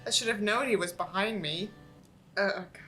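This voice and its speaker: Over quiet background music, a tired, unwell host reads a book aloud and picks it apart with weary sarcasm and the odd swear word. Her voice is mid-range and a bit bright, at a normal pace.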